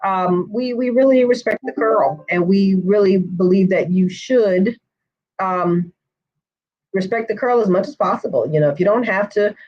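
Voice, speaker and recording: A woman's voice: mid-range voice, moderate pace, lo-fi sound. A woman hair stylist teaching a live online course, chatting with viewers by name and answering their comments. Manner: chatty, addresses viewers by name, says y'all.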